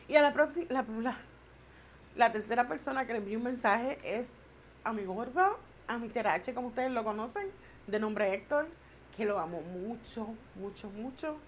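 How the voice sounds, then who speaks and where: A woman's voice: on the high side, lively intonation, unhurried, long pauses, a little hiss or hum. A woman chatting casually to camera in a tag video, playful and joking, turning tender and sentimental. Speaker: beauty vlogger.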